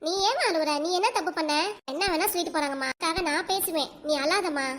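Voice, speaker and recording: Brief: woman voicing a defiant little girl, bright piping voice. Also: very high-pitched, quick pace, slight background noise. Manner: cheeky, defiant. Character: bold young daughter defending her mother.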